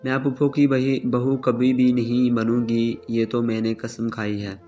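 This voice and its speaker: A man voicing a stubborn young woman who scorns her cousin, in a flat, plain reading voice. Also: mid-range voice, lightly acted. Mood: defiant. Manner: scornful, defiant. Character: stubborn young woman refusing an arranged marriage. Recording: slightly dull with soft music.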